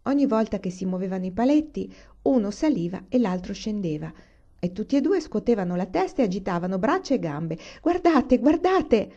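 Mellow-voiced woman reading a children's story. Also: medium pitch, muffled recording. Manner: calm, unhurried storytelling. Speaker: reader. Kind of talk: reading a children's novel aloud.

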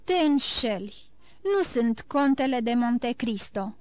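A woman's voice: a little high, animated, a little mellow, no room sound, natural voice. A woman voicing a vengeful male count who speaks in a somber, solemn way, in an audiobook. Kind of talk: audiobook reading.

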